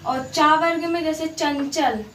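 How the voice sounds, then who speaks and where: A woman's voice: high voice, steady tone, unhurried, fairly bright tone. A woman teaching a grammar lesson, explaining patiently and repeating each example while checking that her students follow. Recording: roomy, distant mic with faint background noise.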